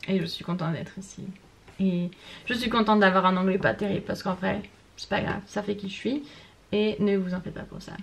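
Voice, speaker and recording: A young French woman with a French accent, chatting casually to camera in a vlog, slangy and quick to laugh. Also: mid-range voice, steady tone, gravelly. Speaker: vlogger.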